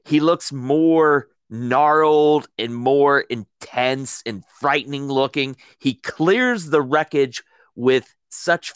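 A man co-hosting a casual film chat, speaking in a measured, agreeable way. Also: medium pitch, clean tone, dry recording.

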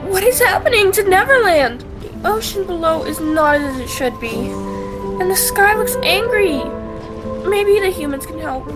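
Woman as anxious young storybook heroine for audio drama, extremely high-pitched, earnest, over music. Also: animated, normal speed. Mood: wary. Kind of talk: theatrical audio drama acting. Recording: music behind the voice.

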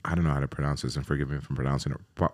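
Very deep-voiced man rambling on a podcast. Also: fairly even intonation, racing. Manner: rambling, many fillers and restarts. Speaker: podcast host; accountant. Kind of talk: casual chat.

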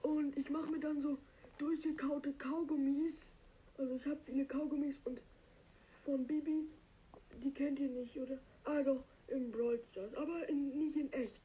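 A man's voice: extremely high pitch, steady tone, warm tone, poor audio. Spike, a goofy cactus through a voice changer, played by a man. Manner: rambling, silly, slow, halting with many fillers. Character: dim-witted green male cactus creature. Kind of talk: comic character monologue.

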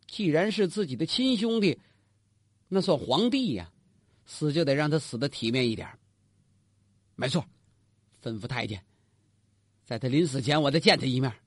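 A male storyteller, telling a traditional tale in a lively way, talking straight to the listener and asking and answering his own questions. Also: on the high side, moderate pace, pauses often, husky, dry recording, studio quality.

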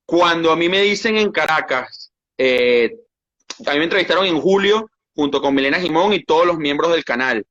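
This sports journalist speaks with a Venezuelan accent, his voice on the high side and his pace moderate, and the sound is lo-fi. Chatting in a casual interview, he tells stories with lively energy and keeps restarting his sentences.

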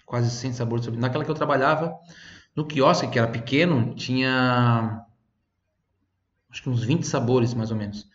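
A man gives an online language lesson, slowing down to repeat each word and phrase so viewers can say it after him. His voice sits at an ordinary middle pitch, picked up by a desk microphone in a roomy space with a slightly dull sound. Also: fairly even intonation. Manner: patient, repeats phrases slowly for learners to copy. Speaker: Italian language teacher.

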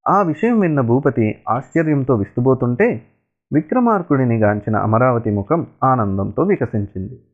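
A man narrating a story in a lively, dramatic storytelling manner. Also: medium pitch, moderate pace. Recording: tinny phone-like sound.

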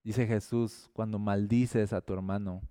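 A man preaching a sermon in a lively, conversational way, acting out little quoted exchanges and slowing to a hushed tone for serious points. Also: lowish voice, smooth, no echo, studio quality.

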